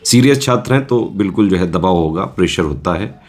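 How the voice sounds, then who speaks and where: A man's voice: sits low, lively intonation, fairly quick. A man coaching exam students in a casual, reassuring lecture, often checking in with his listeners.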